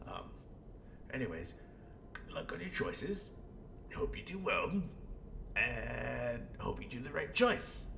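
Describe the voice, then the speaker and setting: A man voicing an unhinged, menacing clown supervillain in a rambling, theatrical audio roleplay, with a gravelly voice and smug manner. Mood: mock-cheerful. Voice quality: gravelly, creaky. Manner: rambling, theatrical, swinging from mutters to outbursts. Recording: roomy echo, faint rumbling noise.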